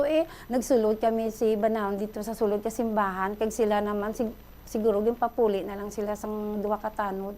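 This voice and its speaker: A middle-aged Filipina with a Hiligaynon accent, calling in to a radio show and excitedly retelling a story. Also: female voice, on the high side, slight background noise. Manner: excited, breathless retelling, addresses host often. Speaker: caller.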